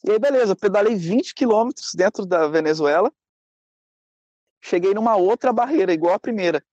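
A man's voice: high-pitched, normal speed, dry recording, lo-fi sound. Young man, casual storytelling, dramatic, dry close sound. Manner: lively, dramatic storyteller acting out scenes; frequent conversational fillers. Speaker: guest telling a travel story.

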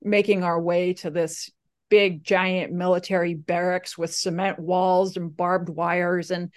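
A woman with a lowish voice speaks slowly and flatly. She is Slovak, from Slovakia, and as a guest in an interview she tells her story casually, with lots of fillers and restarts.

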